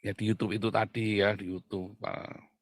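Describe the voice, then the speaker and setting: A middle-aged man preaching a casual, joking sermon, dropping to low murmurs and then shouting out loud. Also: little pitch movement, moderate pace, no room sound, studio quality. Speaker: pastor.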